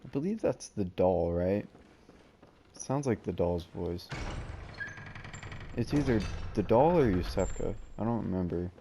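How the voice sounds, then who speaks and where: A man's voice: deep voice, animated, unhurried, gravelly, pauses often, dark tone, slight background noise. A man giving casual let's play commentary as a gaming host, with slangy, jokey asides.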